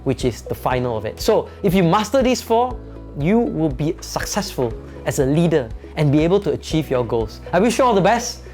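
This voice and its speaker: A man's voice: a little high, big pitch swings, normal speed, a little mellow, soft background music. A man, a company founder giving an emphatic motivational talk on leadership, often adding "right?" tag questions.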